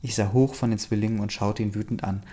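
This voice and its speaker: A man reading a first-person story aloud in a steady, plain way. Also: fairly low pitch, quick pace. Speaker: audiobook reader.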